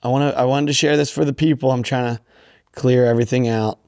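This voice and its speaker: A man co-hosting a casual sports betting podcast, hyping his picks with loud animated delivery. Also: medium pitch, fast, clean tone, dry recording, studio quality.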